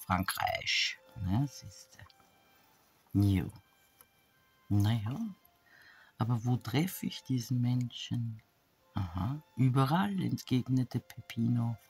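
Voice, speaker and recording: A woman's voice: very deep voice, lively intonation, takes it slowly, pauses often, husky. A woman opening an advent calendar gift, musing to herself and reading labels aloud, often half-whispered. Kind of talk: casual unboxing chat. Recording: soft background music.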